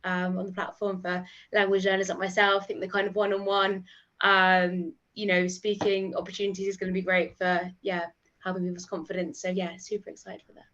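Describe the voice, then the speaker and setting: A woman in her twenties from the UK speaks over a dull, lo-fi call line. Her voice stays very even in pitch while she chats in an upbeat way. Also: a little fast. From United Kingdom. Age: 20s. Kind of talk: self-introduction on a video call. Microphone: video call.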